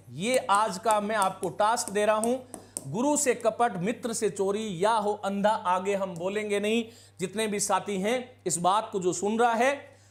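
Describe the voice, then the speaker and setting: A man teaching an online Hindi grammar class for exam preparation, calling his students friends and explaining each number step by step. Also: sits high.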